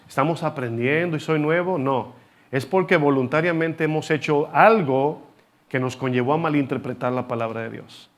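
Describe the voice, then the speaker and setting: A man delivers a sermon in a somewhat high-pitched voice. He teaches from scripture, tosses rhetorical questions at his listeners and has the congregation repeat words back to him. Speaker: preacher.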